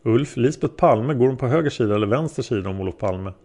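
A man's voice: mid-range voice, lively intonation, darkish tone. A man reading the questions of a methodical male police interrogator. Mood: probing. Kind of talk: read-aloud interrogation transcript.

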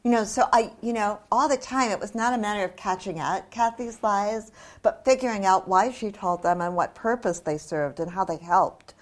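A woman's voice: mid-range voice, moderate pace. An older woman from New Zealand talking as a guest author, candid and discursive in a conversational literary discussion.

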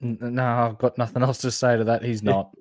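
A man's voice: medium pitch, little pitch movement, fairly quick, darkish tone, no room sound. A man with a broad Australian accent, talking in an informal, agreeable, slangy way as a sports podcast co-host. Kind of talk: casual basketball analysis chat.

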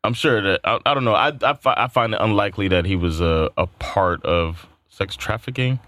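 A man's voice: lowish voice, a little fast, sharp tone, dry recording. A man in his thirties co-hosting casual chat, rambling with many fillers and restarts. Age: 30s. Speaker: podcast co-host.

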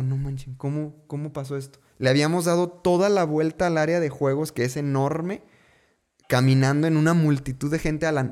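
A man's voice: fairly high pitch, darkish tone. A man from Mexico with a Mexican accent, telling a personal story in a casual, conversational way, repeating words for emphasis and dropping slangy asides.

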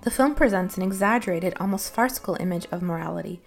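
A woman reading scripted narration for a film history essay in an articulate, measured way. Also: lowish voice, creaky. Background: music under the voice.

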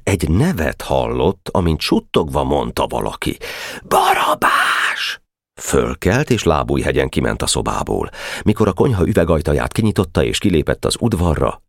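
Deep-voiced guy narrating an audiobook, very lively intonation. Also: no room sound, studio quality. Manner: expressive storytelling, slowing for quiet moments.

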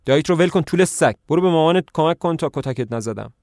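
A sly, scheming farmer, voiced by a man reading a play aloud talks in a coaxing, plotting tone, now and then turning sharp. The voice sits at an ordinary middle pitch. It is recorded close and dry, with no room sound. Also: expressive, gravelly, no echo. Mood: snapping. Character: scheming middle-aged farmer son-in-law.

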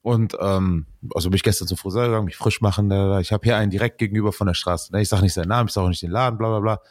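A man's voice: on the low side, fairly even intonation, very fast, no echo, clean studio sound. A man casually telling a funny story in slangy street talk, laughing often.

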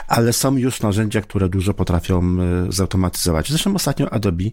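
A man hosting a podcast in casual conversation, thoughtful, pausing on fillers and restarting phrases. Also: on the low side, animated, darkish tone, no room sound, studio quality.

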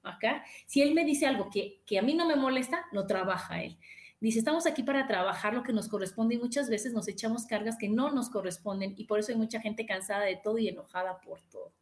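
A woman's voice: on the high side, a little fast. Mexican woman musing aloud, roomy sound. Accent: Mexican Spanish. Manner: reflective, with constant "¿no?" tag questions; acts out inner voices in quoted asides. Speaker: podcast host. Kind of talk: casual self-help podcast monologue.

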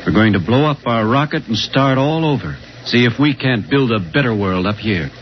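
Man playing calm serious dad, medium pitch, dull old radio disc. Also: moderate pace, close to an everyday voice. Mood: grave, tender. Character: calm, grave, reassuring father. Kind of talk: 1950s radio drama acting. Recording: dull, lightly noisy old broadcast disc.

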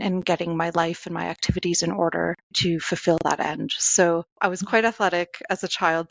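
Canadian woman guest on a podcast, slightly low voice, really dry sound, chatting about herself. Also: no echo. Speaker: podcast guest, endurance athlete. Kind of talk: casual conversational storytelling.

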